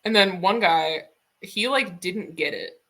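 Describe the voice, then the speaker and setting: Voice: medium pitch, expressive, slow, sharp tone. A streamer in a casual drawing stream, musing aloud and swearing casually.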